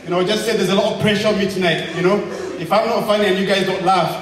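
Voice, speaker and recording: A young man from Zambia, doing an energetic, rabble-rousing stand-up comedy set and shouting his punchlines. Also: high-pitched, fast, heavy reverb, in a large hall, distant mic, crowd noise, poor audio. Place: comedy club stage. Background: audience laughter.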